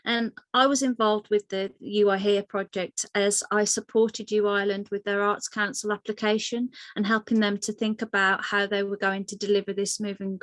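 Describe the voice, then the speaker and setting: A woman's voice: medium pitch, fairly bright tone, no room sound. A woman introducing herself and explaining her community support role at a panel. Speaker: community development officer. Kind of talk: spoken self-introduction at a panel.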